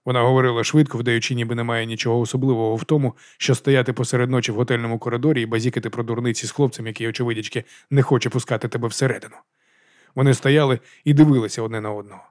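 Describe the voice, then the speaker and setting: A man reading a novel aloud as an audiobook narrator, in brisk, even storytelling. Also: mid-range voice, no echo, studio quality.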